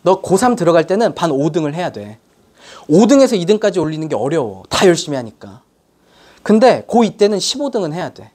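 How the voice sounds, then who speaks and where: A woman acting out a blunt high school teacher, speaking lower and firmly. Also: sing-song, a little fast, mellow, slightly rough. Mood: stern.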